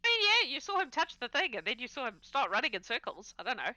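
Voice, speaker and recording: A woman's voice: high voice, very animated, fast talker, pushed and bright. A woman acting as game master, narrating a tabletop game casually and off the cuff, often giggling through her sentences.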